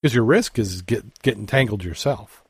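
A man co-hosting a podcast, reading dive news articles aloud and chatting, halting with fillers and self-corrections. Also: fairly low pitch, gravelly, slightly rough, no room sound, clean studio sound. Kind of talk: casual news reading and chat.

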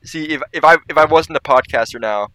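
A man's voice: on the high side, a little fast, bright, forceful tone, no echo, poor audio. A man co-hosting a podcast in casual chat, joking and stammering over his words. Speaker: podcast co-host.

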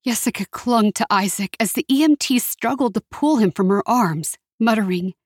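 A woman giving a steady, measured scripted narration of a story. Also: a little high, no room sound, studio quality.

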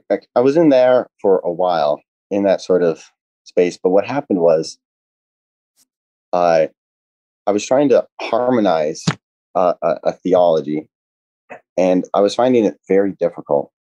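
A young man with a very low, dark voice talks earnestly as a podcast guest, stopping and restarting often. The sound is dry and dull. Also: no room sound. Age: young adult. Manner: earnest, halting, many "uh" and restarts. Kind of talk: casual podcast conversation.

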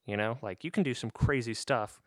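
A man's voice: mid-range voice, fairly quick, dry recording, clean studio sound. A man co-hosting a podcast, explaining at an easy pace with lots of ums and restarts. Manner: easygoing, explains at length with fillers and restarts. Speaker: podcast co-host. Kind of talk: casual gaming chat.

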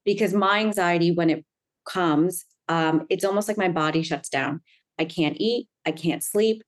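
A middle-aged woman with a slightly low voice tells her story earnestly as an interview guest. She talks fluently and keeps checking in with her listener by asking "right?". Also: moderate pace. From United States. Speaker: guest, anxiety coach. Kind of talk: conversational interview.

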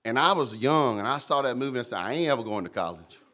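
A pastor delivers a sermon in a big, booming voice. He swings from loud emphatic lines to hushed, warm asides. His tone stays conversational, and he addresses congregants directly by name. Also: fast talker. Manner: lively, conversational preaching, calls out congregants by name. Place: church.

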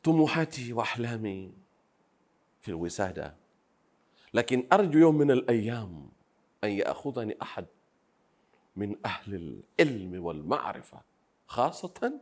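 A man from Pemba, by birth, answers an interviewer's questions. He speaks earnestly and humbly in a soft voice and often restarts his phrases. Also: medium pitch, big pitch swings, normal speed, pauses often. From Pemba, Zanzibar. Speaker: Arabic grammar teacher, interview guest. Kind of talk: interview conversation.

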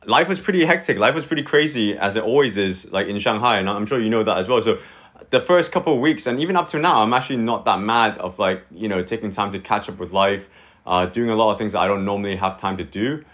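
This guest is a man in his thirties from Hong Kong with a fairly low voice, talking quickly. His casual chat wanders loosely and is packed with fillers such as "you know" and "like," all in a relaxed manner.

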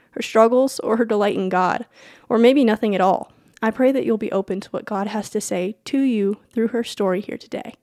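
A woman hosts a podcast, reading her introduction and then slipping into easy, chatty talk with her guest, quick to laugh and to apologize. Her voice sits at a middling pitch. The recording is close and dry, with no room sound around it. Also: a little mellow, no echo. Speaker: podcast host. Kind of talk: scripted podcast intro and casual interview.

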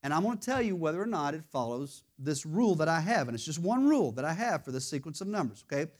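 A woman's voice: sits low, sing-song, fast, a little mellow. A woman teaching a church lesson in a conversational way, often restarting and repeating words, and quizzing her listeners. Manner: quizzes the audience with questions. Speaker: Bible study teacher.

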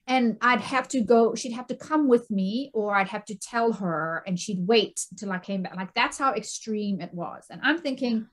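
A middle-aged stress and anxiety coach appears as a guest in a casual interview, talking animatedly with hardly any pauses. Her voice is mid-range and her pace moderate, and she often repeats words and asks "right?"

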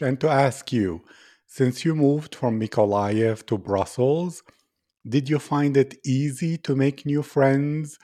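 A man interviews a guest in an unhurried, measured voice, asking gentle and encouraging questions at a slow pace. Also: medium pitch.

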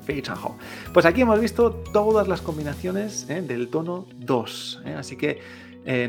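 A man teaching Chinese pronunciation in a slow, deliberate lesson, repeating words and checking in with a questioning "¿eh?". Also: on the high side, gravelly. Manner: drills words slowly, checks in with "¿eh?".

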